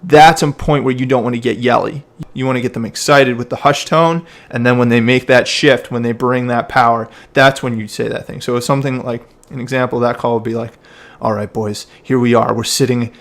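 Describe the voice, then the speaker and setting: A man's voice: mid-range voice, fairly even intonation, a little fast, few pauses. Man coaching coxing technique. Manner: encouraging, explanatory, with repeated restarts. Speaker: rowing coach. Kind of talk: coaching feedback.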